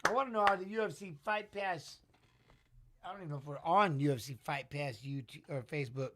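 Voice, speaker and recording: A middle-aged man hosting a live fight watch-along, chatty and excitable, talking to the viewers as he calls the action. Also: fairly high pitch, brisk. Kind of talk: casual live fight commentary.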